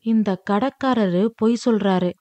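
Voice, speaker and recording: A woman's voice: mid-range voice, unhurried, dark tone, no room sound, lightly acted. A woman reading a storybook, voicing a confident woman bank officer who speaks firmly and plainly. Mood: certain.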